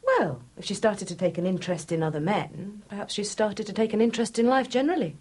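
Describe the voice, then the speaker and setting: An actress playing a practical, plain-spoken, fondly teasing woman in a naturalistic TV soap, with a husky voice. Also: medium pitch, fast, a little mellow, lightly acted. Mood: gossipy, teasing. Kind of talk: naturalistic TV soap drama acting.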